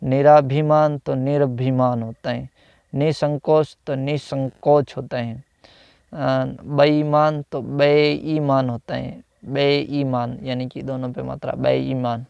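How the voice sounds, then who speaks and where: Here a man reads a Hindi grammar lesson, steadily repeating each corrected word with "तो ... होता है" at a slow pace, pausing with fillers and correcting himself. His medium-pitched voice is gravelly but smooth and resonant. The dry, slightly dull recording sounds like a cheap microphone and has no echo.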